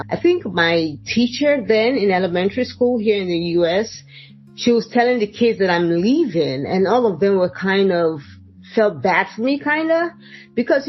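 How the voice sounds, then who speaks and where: A woman's voice: lowish voice, breathy edge, muffled recording. A woman guest author, raised between the United States and Nigeria, telling her story in a conversational interview and restarting her sentences often with "um". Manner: warm storytelling with frequent restarts and "um"s.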